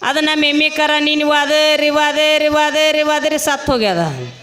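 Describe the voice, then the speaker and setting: A woman's voice: high-pitched, completely flat delivery, moderate pace, fairly bright tone, pitched above the performer's own voice. A woman with a North Karnataka Kannada accent voicing a toothless eighty-year-old village woman who complains insistently, repeating herself. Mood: complaining. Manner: insistent, repetitive.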